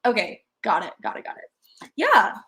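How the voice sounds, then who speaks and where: A woman's voice: medium pitch, huge pitch swings, moderate pace, a bit bright. A young woman from India whose first language is Telugu, hosting a livestream workshop in a chatty, upbeat way and reading the chat aloud.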